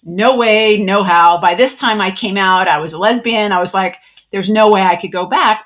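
A middle-aged woman, a spiritual energy worker, telling her life story in a casual interview and acting out her own past thoughts. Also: lowish voice.

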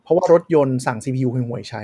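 A man's voice: mid-range voice, fast, dark tone, slightly rough. A man co-hosting a casual tech podcast, explaining at length with many fillers. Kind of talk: casual chat.

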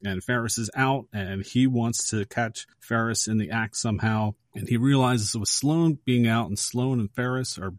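Animated man retelling a film scene. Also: mid-range voice, moderate pace, few pauses, no room sound, studio quality. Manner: animated retelling, acting out quoted lines. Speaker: podcast co-host. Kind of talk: casual movie discussion.

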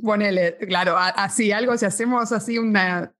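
A woman's voice: mid-range voice, moderate pace, fairly bright tone. A woman in her thirties with a Buenos Aires accent, a guest chatting casually in an interview and laughing often. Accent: Rioplatense Spanish, Buenos Aires. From Argentina. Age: 30s. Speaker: guest, space science communicator.

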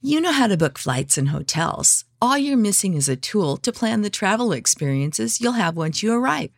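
Female ad voice, upbeat scripted read with fry, dry recording. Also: mid-range voice, very animated, normal speed, no echo. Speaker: ad reader.

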